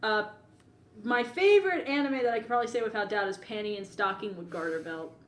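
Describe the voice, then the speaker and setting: A woman co-hosts a podcast in casual, informal chat, teasing and using loose, sweary phrasing. Her voice is medium-pitched and a little fast. The recording is roomy with an echo.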